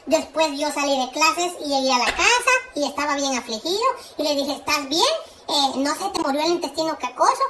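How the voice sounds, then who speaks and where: A man voicing an excitable, silly little boy, telling a story and breaking into frantic yells. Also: fairly quick, noisy background. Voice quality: squeaky, shrieking.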